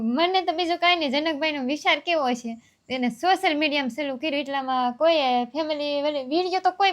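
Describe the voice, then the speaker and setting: A young village woman talks in a loose, rambling way and circles back over her points. Her voice sits high. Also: a bit bright. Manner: rambling, homely, repeats herself. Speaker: vlogger. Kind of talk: casual storytelling.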